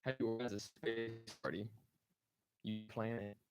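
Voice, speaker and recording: A man trading dad jokes in a contest, delivering setups and punchlines deadpan with short thoughtful hums. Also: lowish voice, normal speed, faint music behind. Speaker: joke contestant.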